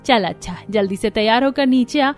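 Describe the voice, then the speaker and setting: A bossy older mother-in-law from a cartoon story gives curt orders, played by a woman. She is gruff and commanding, yet she dotes on her favorite daughter-in-law. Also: a little high, normal speed, faint music behind, close to an everyday voice. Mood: playful.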